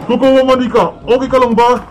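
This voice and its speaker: A man's voice: very high-pitched, level tone, quick pace. A man voicing a stern soldier who announces the game rules and chases the players. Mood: chasing. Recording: music playing behind.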